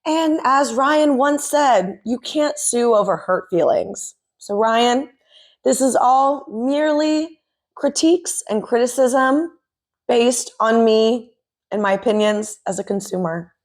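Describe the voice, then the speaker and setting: A woman's voice: fairly high pitch, slow pace. A woman giving opinionated commentary, exasperated and sarcastic. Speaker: commentary vlogger.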